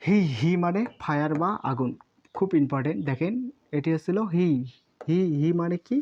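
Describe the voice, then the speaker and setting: Guy teaching kanji, kinda high but mellow voice, repeats everything, dull lo-fi audio. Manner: repeats words slowly, spells out syllables, often says sorry. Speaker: Japanese teacher. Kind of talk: kanji lesson while writing on a board. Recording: dull lo-fi sound.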